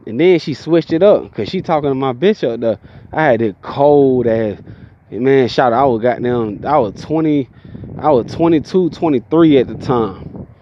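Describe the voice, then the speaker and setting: A man in his thirties from Georgia with a Southern accent, telling a profane, slangy story in a casual, animated way. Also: mid-range voice. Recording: dull lo-fi recording.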